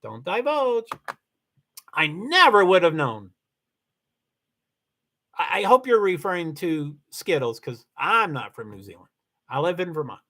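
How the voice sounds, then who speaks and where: The host of a casual livestream, a man from Kentucky, reads out viewer comments in a high, sing-song, bright voice with a forceful tone. He keeps a measured pace, pauses often, and rambles loosely while regularly catching and correcting himself.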